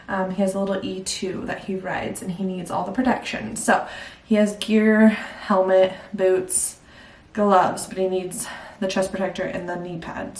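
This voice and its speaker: A woman's voice: medium pitch, a little mellow. A young woman vlogging at home, breathless, chatting casually and rambling, laughing at herself. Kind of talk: casual chat to camera. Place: at home indoors. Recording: roomy echo, mic at a distance.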